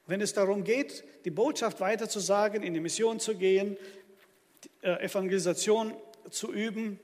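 A man's voice: high voice, fairly even intonation, moderate pace, a little mellow. A man preaching an emphatic sermon to his congregation in a church hall. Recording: long church hall reverb.

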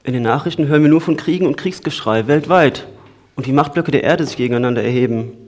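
Man, informal sermon, conversational, mid pitch. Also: fast talker. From Cologne area, Germany. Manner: conversational, swings between excited storytelling and quiet earnestness. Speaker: preacher.

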